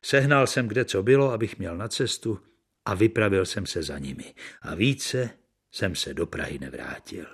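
Guy doing a bitter tired actor, brooding, kinda low voice, audiobook. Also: lively intonation, breathy edge, heavily acted. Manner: brooding, earnest confession. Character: bitter, worn-out middle-aged male stage actor. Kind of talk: audiobook reading.

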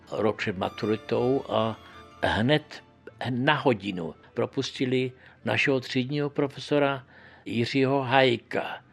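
Gravelly, husky older man. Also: fairly low pitch. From Moravia, Czech Republic. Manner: conversational, keeps adding tag questions, acts out quoted lines louder. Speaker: witness recounting his youth. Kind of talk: oral history storytelling.

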